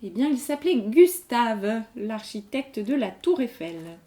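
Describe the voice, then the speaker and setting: Reading quiz questions aloud slowly and clearly, a woman repeats each general-knowledge question and patiently explains its answer. Her voice is on the high side and warm, with big pitch swings and an unhurried pace.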